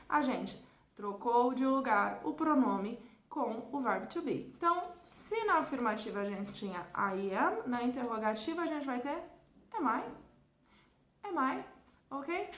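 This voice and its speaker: A woman teacher with a Brazilian Portuguese accent giving a recorded lesson to children, repeating example words slowly and clearly. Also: on the high side, fairly bright tone, roomy sound. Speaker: English teacher.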